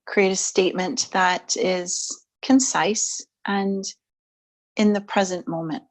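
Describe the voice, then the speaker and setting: A female instructor leads a relaxation and gentle stretching session, as in yoga nidra. Her mid-pitched voice stays fairly even and slow, giving short, soothing instructions unhurriedly with long pauses between phrases.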